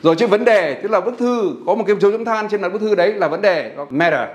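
High-voiced, energetic male English teacher. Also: fast, highs cut off. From Vietnam. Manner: energetic, coaxing students to repeat words. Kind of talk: classroom vocabulary drill.

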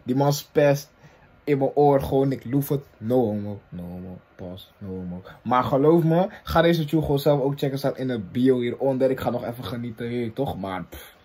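A man hosts a reaction video, chatting casually in excitable, slang-heavy street talk that jumps between loud bursts and low mumbles. He speaks at a moderate pace with a slightly rough voice.

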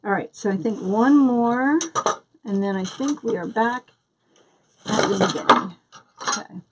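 This live-stream craft demonstration features a woman from the Philadelphia area, US, whose accent comes through as she chats and welcomes viewers by name mid-project. She speaks at a medium pitch and a little slowly, over slight background noise on a low-quality recording.

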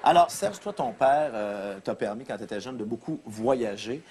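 A man hosting a TV comedy game show, teasing guests and announcing them loudly. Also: medium pitch, animated, normal speed, slight background noise. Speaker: host.

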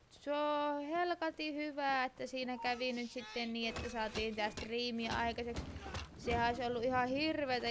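A woman's voice: on the high side, a little hiss or hum. Chatty Finnish woman streaming a game. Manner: chatty, reads and answers chat while playing. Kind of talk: casual let's-play chat. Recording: clear game sound behind.

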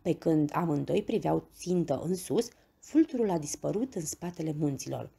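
Woman reading a bedtime story, low husky voice, bit of gravel, lots of lilt. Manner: gentle, expressive reading.

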